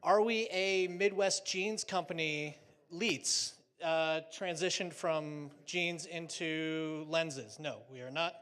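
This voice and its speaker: A man's voice: on the high side, slow pace, a bit bright, clean tone. A man giving a casual, chatty presentation with slides on stage at a live trade show, joking lightly between fillers.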